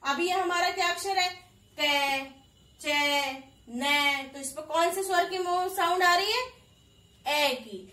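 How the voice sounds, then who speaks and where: A woman teaching a kindergarten Hindi class online, slowly sounding out syllables, repeating them for the children, and asking and answering her own questions. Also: very high voice, sharp tone, recorded from a distance. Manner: addresses pupils as 'beta', asks and answers own questions. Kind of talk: recorded online class lesson. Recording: echoey room, voice a little off-mic.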